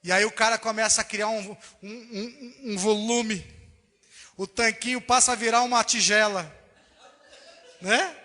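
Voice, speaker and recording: A man with a Brazilian Portuguese accent preaching a sermon as pastor in a church, animated and acting out voices. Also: high voice, a little slow, pauses often. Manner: animated, acts out quoted voices. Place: church sanctuary. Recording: echoey church hall recording.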